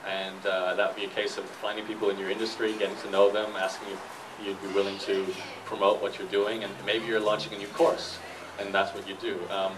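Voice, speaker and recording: A guest speaker who is an internet entrepreneur and blogger gives an informal, explanatory talk and fields questions in a noisy live room. His voice is fairly low-pitched and he sounds far from the mic.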